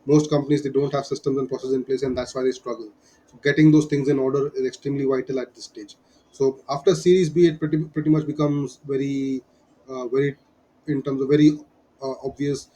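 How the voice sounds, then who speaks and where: Male business explainer, Indian accent, slightly high pitch, soft-edged tone, emphatic advisor who drives points home by repetition. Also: flat delivery, brisk, poor audio. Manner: emphatic, repeats key points. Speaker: business advisor teaching startup fundraising. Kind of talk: explanatory lesson.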